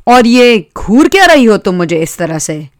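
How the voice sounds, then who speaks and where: A woman voicing a blunt, teasing boy in a lively storytelling voice. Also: medium pitch, unhurried, no echo, studio quality.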